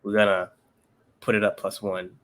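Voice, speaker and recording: A young man with a somewhat low voice talks through a coding problem step by step. His manner is laid-back and patient, like a casual pair-programming session at home. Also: level tone, moderate pace, a bit bright. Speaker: interview candidate studying coding.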